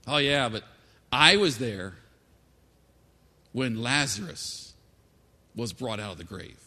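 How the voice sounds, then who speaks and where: A man preaching plays a grieving disciple who tells of miracles in an excited first-person retelling. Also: mid-range voice, slow, voice pushed down, full character voice. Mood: awestruck. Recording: echoey hall.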